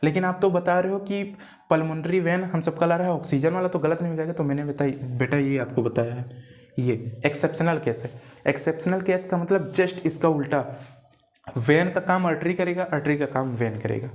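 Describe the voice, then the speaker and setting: A man with a somewhat high, slightly mellow voice speaks at normal speed while giving a classroom biology lecture. He keeps asking rhetorical questions, repeats key terms, spells words out letter by letter, and calls his students "beta."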